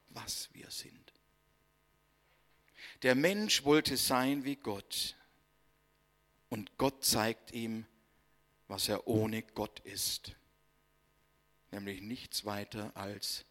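A man preaching a sermon, slow and emphatic, with dramatic pauses and line endings that fade to near silence. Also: on the low side, fairly bright tone. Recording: long hall reverb.

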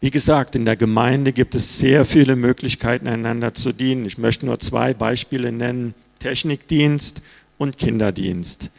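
A man's voice: medium pitch, moderate pace, creaky, a little mellow. A man preaching a sermon in an earnest, plain-spoken way, reading scripture aloud. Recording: reverberant hall.

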